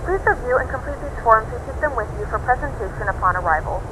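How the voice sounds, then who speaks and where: Woman as brisk flight attendant on cabin PA. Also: fairly high pitch, animated, natural voice. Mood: polite, efficient. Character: polite, efficient female flight attendant. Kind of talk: scripted cabin announcement. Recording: cabin PA over clear aircraft noise.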